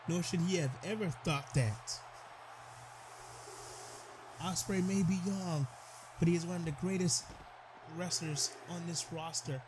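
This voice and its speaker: A high-pitched man calls a video game match like a ringside commentator. He gets excited, trips over his words and shouts advice at the wrestlers. A steady hiss and game sounds sit under the voice.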